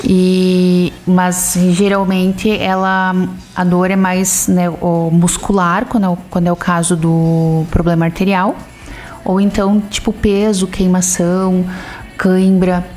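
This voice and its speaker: A woman's voice: fairly low pitch, flat delivery, measured pace, a little mellow, faint music behind. A woman vascular doctor answering interview questions, explaining symptoms step by step.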